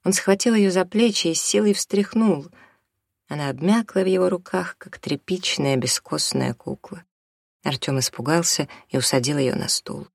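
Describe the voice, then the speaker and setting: Gravelly, dry audiobook narrator. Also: medium pitch, normal speed, no room sound.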